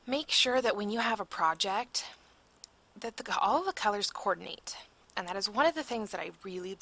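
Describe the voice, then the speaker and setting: A woman's voice: mid-range voice, gravelly, fairly bright tone. A tired woman giving a casual voiceover for a craft video, rambling and searching for words with frequent ums. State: yawning, tired. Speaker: crafter narrating a process video.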